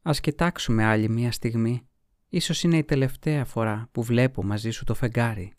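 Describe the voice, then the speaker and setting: Guy reading as a languid secretive young noble lady, soft sighing murmurs, dry close sound, storybook. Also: mid-range voice, no echo, natural voice. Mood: weary.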